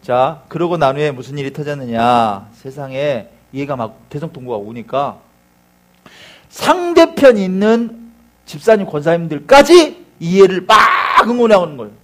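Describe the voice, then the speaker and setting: Preaching at a normal speed in a fairly high voice, a male pastor brings his sermon's story to life with acted-out voices and sound effects like cheering crowds and crashes. He also calls on the congregation to answer back.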